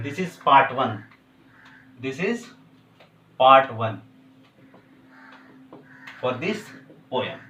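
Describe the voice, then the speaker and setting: A male teacher, explaining a poem to a class, who switches between slowly drawn-out English and quicker Hindi. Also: fairly high pitch, fairly bright tone, distant mic. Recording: roomy, from off the mic.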